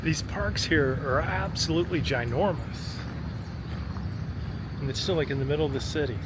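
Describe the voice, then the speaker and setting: A man's voice: a little high, normal speed. A man chatting casually and colloquially as he hosts a travel vlog outdoors in a city. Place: outdoors in city streets and parks. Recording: outdoor city and traffic noise.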